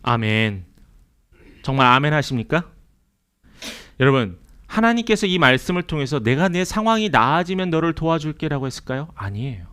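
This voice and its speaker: A man preaching a Sunday sermon in a church sanctuary, his voice clear and resonant and pitched a little high. He speaks earnestly, asks the congregation questions and acts out the lines he quotes. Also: very animated, normal speed, a bit bright. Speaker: pastor.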